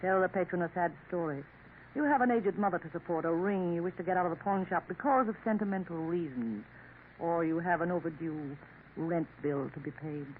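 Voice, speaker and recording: Lightly acted and a little fast, a lowish female voice plays a worldly Parisian café woman with schemes in a 1950s radio drama. She sounds sly, coaxing and knowing, slipping in French endearments, over a tinny, faintly hissing broadcast.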